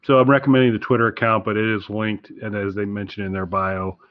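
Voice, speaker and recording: On a podcast, this male co-host talks fast in a lowish voice with little pitch movement, wandering through casual conversation and fixing his own words midstream. The recording is close, dry, dull, and lo-fi.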